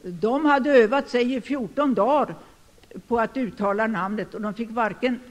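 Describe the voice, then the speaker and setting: An older man preaching a sermon, speaking emphatically and rising to sudden loud declarations. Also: extremely high pitch. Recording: long hall reverb.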